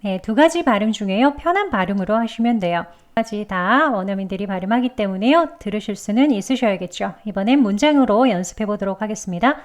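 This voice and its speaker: A woman teaching English pronunciation, who explains calmly and precisely, step by step, and models each word very slowly. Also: medium pitch. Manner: models words very slowly and deliberately. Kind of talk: scripted pronunciation lesson.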